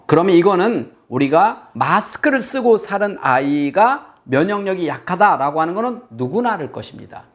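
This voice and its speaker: A middle-aged man gives a parenting lecture straight to the viewer. His voice sits high and swings widely, and he acts out children's words as he explains. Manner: animated lecturer, addresses viewers directly, acts out children's lines. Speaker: child development expert giving a parenting lecture. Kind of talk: lecture to camera.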